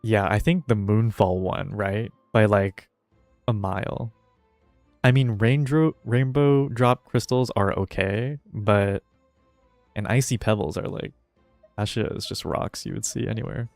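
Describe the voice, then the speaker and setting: A game streamer offers offhand, slangy commentary while playing, often muttering to himself over game music. His voice is fairly low, a little slow and mellow with vocal fry, and there's no room sound.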